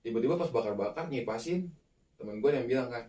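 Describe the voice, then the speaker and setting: A man telling a ghost story in a casual, animated way, acting out the people in it. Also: quick pace. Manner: animated, acts out the quoted people with sharp jumps in pitch. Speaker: guest storyteller. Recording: roomy, mic far off.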